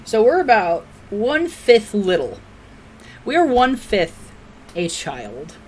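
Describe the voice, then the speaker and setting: A woman's voice: mid-range voice, wildly swooping pitch, takes it slowly, darkish tone, slight background noise. A woman co-hosting a podcast in casual chat, blunt and swearing freely. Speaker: podcast co-host.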